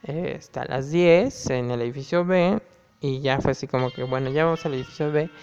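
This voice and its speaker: A man's voice: medium pitch, fairly quick, darkish tone. Chatty young man storyteller. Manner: chatty, gossipy, full of fillers. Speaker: student vlogger. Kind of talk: casual storytelling. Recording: dull lo-fi with reverb, faint music.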